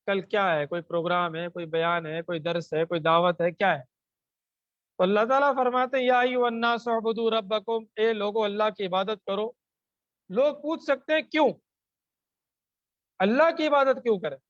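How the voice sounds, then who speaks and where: In a Quranic grammar class recorded through a microphone, a man with a Pakistani Urdu accent recites Arabic verses at a slow pace, explains them, and answers the questions he puts to students. He sounds high-pitched and fairly bright. The audio is muffled, with no room sound.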